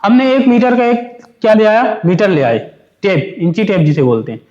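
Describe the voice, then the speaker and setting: A high-pitched male teacher gives a physics lecture, asking his students questions and answering them himself. The sound echoes in the room, and the recording is dull and lo-fi. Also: normal speed, a little mellow. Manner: explains step by step, asks and answers his own questions; mixes Hindi and English terms. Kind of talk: classroom lecture.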